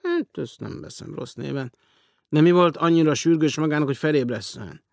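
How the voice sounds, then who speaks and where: A man's voice: on the high side, gravelly, dry recording, pitched above the performer's own voice. A man voicing a sardonic gray-haired self-declared dead man. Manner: dry, sarcastic, demanding. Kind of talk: audiobook character voice.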